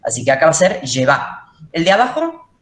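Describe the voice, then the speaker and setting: Teacher, female, low-pitched, patient classroom explainer, reverberant room. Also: huge pitch swings, rapid-fire. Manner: explains step by step, checks in with the class. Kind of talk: classroom lecture.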